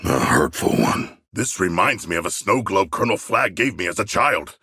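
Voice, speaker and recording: A man voicing a huge, earnest shark-man warrior in a video game, gravelly and husky, with stilted, grandiose, literal diction. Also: sits low, sing-song, moderate pace, pushed and bright, no room sound, studio quality, full character voice. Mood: earnest, deadpan. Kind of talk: video game character voice lines.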